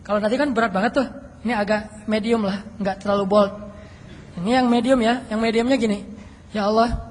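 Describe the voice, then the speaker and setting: A man preaching a casual youth sermon, telling stories in a playful, animated way with quoted dialogue and chuckles. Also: high voice, a little fast. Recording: echoey hall with faint noise.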